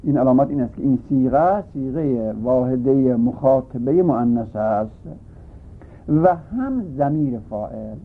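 A man's voice: medium pitch, lively intonation. Man teaching over a tinny line. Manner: patient, repeats and rephrases points. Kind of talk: lecture explaining a grammar text. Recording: tinny phone-like recording.

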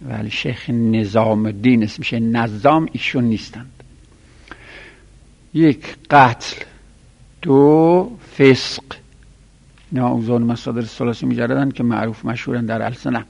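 A man with a gravelly, creaky voice teaches a class, dictating a numbered list and spelling each item slowly so students can write it. He speaks at an ordinary pitch. The sound is dull and lo-fi, with a long reverb trailing behind him. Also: steady tone, darkish tone. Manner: counts items aloud and spells letters slowly. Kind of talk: classroom lesson dictating Arabic verbal nouns. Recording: lo-fi recording in a reverberant room.

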